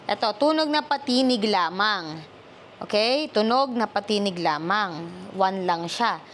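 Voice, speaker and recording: At home, a Filipino mother guides her child through a reading lesson, speaking patiently and unhurriedly, mixing English into her Filipino and asking prompting questions to check understanding. Her voice is medium-pitched, animated and a bit bright, over a faint background hiss.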